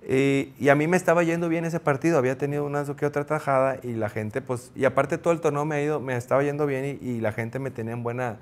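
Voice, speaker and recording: A middle-aged man with a Mexican accent, a former goalkeeper, telling an anecdote in an interview, acting out the shouts he quotes. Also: medium pitch, fairly even intonation, quick pace, few pauses. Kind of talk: storytelling in an interview.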